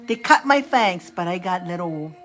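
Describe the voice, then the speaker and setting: A woman's voice: on the low side, expressive, normal speed. A bubbly, giggly woman hosting a tarot livestream, chatting casually with her viewers. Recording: light music in the background. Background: background music.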